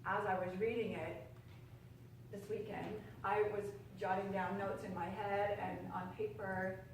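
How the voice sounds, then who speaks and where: A woman's voice: medium pitch, little pitch movement, unhurried. A woman hosting a show, asking rambling interview questions full of fillers. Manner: warm, rambling, many fillers. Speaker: show host. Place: studio with audience. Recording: very echoey, distant mic, noisy.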